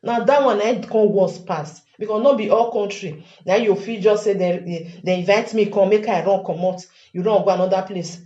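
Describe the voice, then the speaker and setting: An adult online commentator with a Nigerian accent delivers an informal, emphatic advice monologue in Pidgin to fellow Nigerians, repeating phrases for stress. The warm, mid-range voice moves at a moderate pace with few pauses, recorded in an echoey room with dull lo-fi sound.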